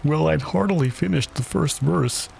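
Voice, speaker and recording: A man's voice: on the high side, measured pace, gravelly, a little mellow, a little hiss or hum, voice pushed up, rough recording. A man voicing an eccentric storybook hatter, contemptuous and pedantic, with a mournful streak. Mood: reminiscing. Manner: haughty, pedantic, plaintive.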